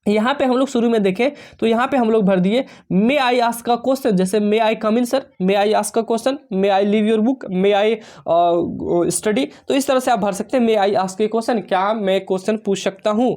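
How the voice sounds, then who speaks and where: A man teaching an exam-prep English lesson, explaining step by step and reading English sentences out slowly. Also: high voice. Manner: addresses students warmly as dear children.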